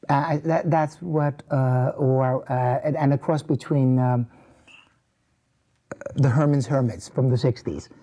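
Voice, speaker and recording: An older man with an American accent tells his memories for an oral history interview. His voice is dark and mellow. He rambles and often stops to restart a thought. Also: mid-range voice, fairly even intonation. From born in England, raised in the US. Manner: rambling, halting reminiscence with many restarts. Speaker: interviewee, retired teacher.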